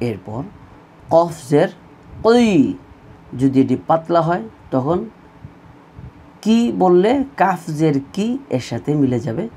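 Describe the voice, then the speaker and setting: Slow, patient man teaching letter sounds. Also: fairly high pitch, darkish tone. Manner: drills letter sounds, repeating pairs for students to echo. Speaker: Quran reading teacher. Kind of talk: slow recorded online lesson.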